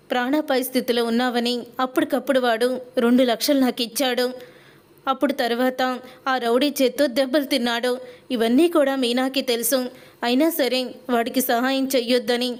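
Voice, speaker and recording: A woman's voice: high-pitched, close to an everyday voice. A woman voicing an angry, proud young husband in a serial recap, her delivery accusing and reproachful.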